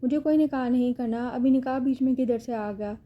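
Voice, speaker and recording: A woman reading the part of a frightened but defiant young woman held captive, pleading and sharp-tongued. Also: high voice, highs cut off, natural voice. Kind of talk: audiobook character reading.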